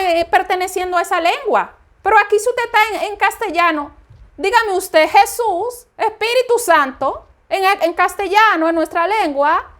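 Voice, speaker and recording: A woman with a strikingly high voice gives an informal spoken sermon in her native Spanish. She is emphatic and circles back to say each point several times.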